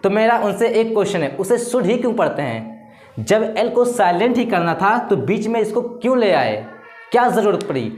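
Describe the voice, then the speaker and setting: A man's voice: high voice, sing-song, moderate pace, darkish tone, faint music behind. Man teaching grammar in an echoey room. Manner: keeps asking rhetorical questions and answering them himself. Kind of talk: explanatory classroom-style lesson. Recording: roomy echo.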